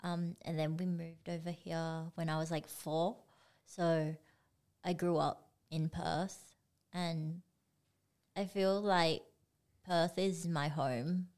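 Slow-talking young woman artist. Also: fairly low pitch. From Singapore. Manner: relaxed, laughs often, trailing sentences. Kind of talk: casual chat.

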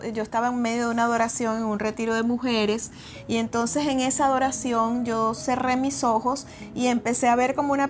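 High-voiced woman sharing a testimony. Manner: earnest, storytelling with frequent restarts. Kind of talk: personal testimony and exhortation.

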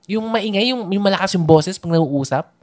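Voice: medium pitch, normal speed, a little mellow. A young adult host from the Philippines, casually chatting on a podcast, rambling with lots of fillers and laughs.

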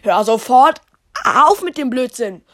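A woman voicing a grumpy, bossy male museum guide who scolds loudly. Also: medium pitch, little pitch movement, a little slow, smooth, natural voice. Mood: angry.

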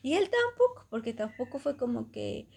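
A young woman with a Mexican Spanish accent, casually telling a story to a friend, animated, laughing often and acting out the voices of the people in it. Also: on the high side, normal speed, vocal fry, a little hiss or hum.

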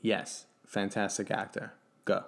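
A man's voice: on the low side, monotone, measured pace, vocal fry. Enthusiastic man chatting with fillers. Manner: enthusiastic, hesitant with many ums. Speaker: podcast co-host. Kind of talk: casual chat.

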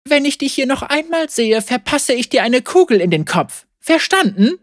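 A woman's voice: high voice, normal speed, no echo, studio quality, pitched above the performer's own voice. Caitlin, a stern, cool sheriff, as a woman voices her. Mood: threatening. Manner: calm, mocking, coldly threatening. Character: stern, cool-headed female sheriff, adult.

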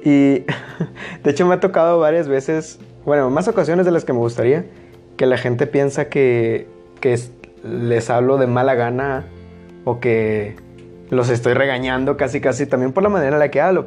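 Blunt, loud-talking young Mexican man. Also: mid-range voice, normal speed, soft background music. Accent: Mexican Spanish. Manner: loud, blunt delivery that rises into shouting when excited. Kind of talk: casual storytelling monologue.

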